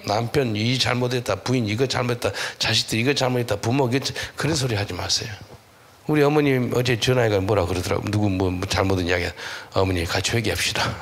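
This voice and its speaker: A man pastor preaching a sermon in an animated storytelling manner, acting out dialogue and urging his listeners. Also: mid-range voice, quick pace. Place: church hall.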